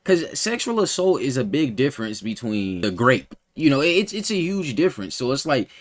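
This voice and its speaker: A man's voice: medium pitch, big pitch swings, normal speed. A man hosting a reaction commentary, questioning and incredulous, speaking in casual slang. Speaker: commentary host.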